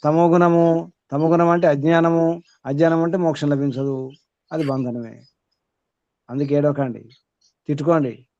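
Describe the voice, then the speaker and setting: A man with a fairly high voice leads a spiritual discourse as a teacher. He quizzes his listeners, repeats his key words, and lets out a chuckle between points. The recording is dry and a little dull. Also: steady tone, normal speed, long pauses, dark tone, no room sound. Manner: repeats key words and asks the audience rhetorical questions. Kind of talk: question-and-answer spiritual discourse.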